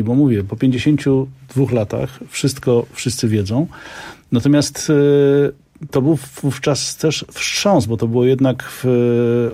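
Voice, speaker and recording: A man co-hosting a radio show, asking brisk, leading questions. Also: mid-range voice, dark tone. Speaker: radio co-host. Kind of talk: radio interview.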